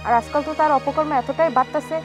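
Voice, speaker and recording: An actress plays a young wife with a colloquial Bangladeshi Bengali accent, complaining and coaxing in a high voice. Soft music runs behind her. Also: fairly even intonation, quick pace, natural voice. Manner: complaining, then placating. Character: young wife urging her husband to calm down. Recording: with faint background music.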